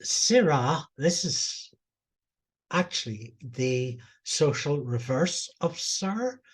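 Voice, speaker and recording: A man co-hosting a podcast, chatting casually and explaining things in a measured way. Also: medium pitch, expressive, husky. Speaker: podcast co-host. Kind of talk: casual chat.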